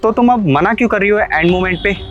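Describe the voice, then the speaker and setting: An earnest young husband in a cartoon story, voiced by a man, pressing his wife with questions and growing suspicious. His voice sits a little high, with quiet music running underneath. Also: fast, lo-fi sound, lightly acted. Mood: pleading. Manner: pleading, questioning, accusing. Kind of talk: Hindi cartoon story dubbing.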